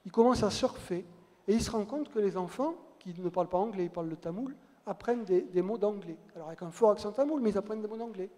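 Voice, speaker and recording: High-voiced man lecturing in a hall. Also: fast talker, darkish tone. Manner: storytelling with wry asides. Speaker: conference speaker. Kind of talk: public lecture. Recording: long hall reverb.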